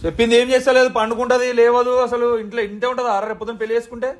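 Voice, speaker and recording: Young man, defiant, argumentative, high voice, very fast. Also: flat delivery. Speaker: brother in a family quarrel skit. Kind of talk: heated scripted family argument.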